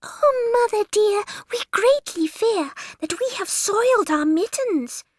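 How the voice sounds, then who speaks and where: Woman doing squeaky, slow, pleading storybook kittens. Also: lively intonation, no echo. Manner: high, sing-song pleading. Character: small whining kittens, young, plaintive.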